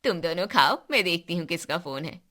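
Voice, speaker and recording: A woman voicing a caring mother in a cartoon story, bright and concerned. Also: fairly low pitch, lively intonation, fairly quick. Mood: cheerful.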